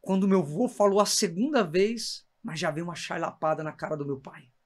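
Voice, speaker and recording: A man's voice: sits high, animated, normal speed. Fervent Brazilian man giving testimony. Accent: Brazilian Portuguese. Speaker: missionary preacher guest. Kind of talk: emotional faith testimony.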